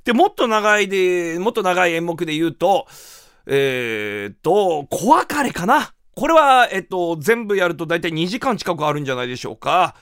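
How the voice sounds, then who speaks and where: A man who is a rakugo performer hosting a radio show, telling comic stories in a lively way. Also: high-pitched, moderate pace, smooth, dry recording, studio quality. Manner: lively, animated, acts out quotes. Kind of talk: comic storytelling talk.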